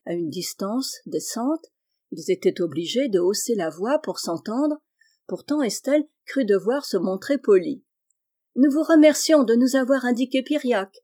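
Mellow calm woman reading a story. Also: medium pitch. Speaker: reader. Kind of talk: literary audiobook narration.

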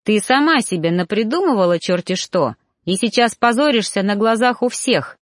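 A woman's voice: mid-range voice, lively intonation, normal speed, no room sound, studio quality, natural voice. A woman voicing a brash, curt male mentor who growls his words. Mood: harsh.

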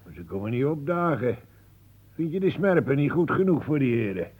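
A man's voice: medium pitch, sing-song, brisk. A man playing a sly, bitter man who mocks and needles others, in an old radio drama. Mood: mocking. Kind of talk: 1960s radio drama acting. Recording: tinny old radio broadcast.

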